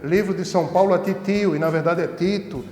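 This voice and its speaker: A priest from the Northeast, with a notably high voice for a man, tells amusing stories from his parish life in a relaxed, chatty way. He laughs easily. The voice rings out in a roomy space with long reverb, and soft music plays underneath. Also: quick pace. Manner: laughs easily while telling funny stories. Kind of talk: casual storytelling. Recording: echoey room with long reverb.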